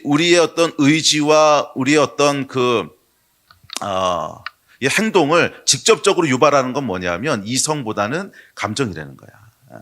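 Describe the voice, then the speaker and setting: Animated Korean pastor preaching a sermon. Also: male voice, mid-range voice. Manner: lively storytelling sermon, bursts into shouted quotes. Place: church sanctuary.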